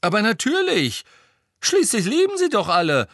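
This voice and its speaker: A man voicing a cheeky, mischievous teenage boy prankster who talks loudly and brashly. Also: sits high, big pitch swings, normal speed, no room sound, clean studio sound, voice pushed up.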